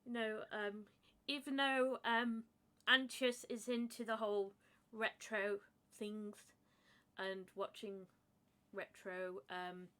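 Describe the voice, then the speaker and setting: This is a woman in casual podcast chat, taking her time with a slow and unhurried delivery. She hesitates a lot, fills gaps with ums and breaks into light laughter. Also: mid-range voice, steady tone, sharp tone, clean tone. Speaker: podcast co-host.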